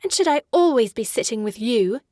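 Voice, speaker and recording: A woman's voice: on the high side, animated, a little fast, dark tone, no room sound, studio quality, close to an everyday voice. An actress playing a petulant, haughty teenage girl in a dramatic audiobook, peevish and imperious. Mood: irritated, peevish.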